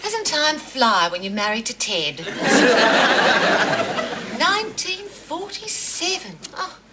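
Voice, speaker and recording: An actress playing a giggly, coy middle-aged housewife. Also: female voice, high voice, sing-song, slow pace, full character voice. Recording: noisy sitcom audio.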